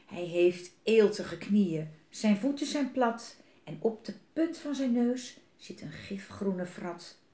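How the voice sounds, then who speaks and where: A woman's voice: a little high, big pitch swings, unhurried. Woman doing a cheeky little mouse. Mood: cocky. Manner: cheeky, self-assured. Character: boastful clever little mouse. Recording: roomy echo.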